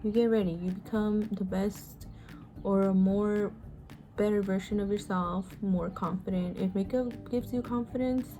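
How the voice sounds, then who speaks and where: Speaking a little slowly in a steady, dark, mid-range voice, a Mexican-born, US-raised woman in her twenties chats over soft background music. As a beauty vlogger doing her makeup for a get-ready-with-me video, she's frank and casual, swearing freely and sighing frequently.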